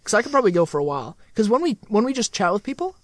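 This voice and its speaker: A man's voice: high voice, very animated, rapid-fire, dry recording, clean studio sound. A man co-hosting a podcast, chatting casually and joking, often repeating himself. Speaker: podcast co-host.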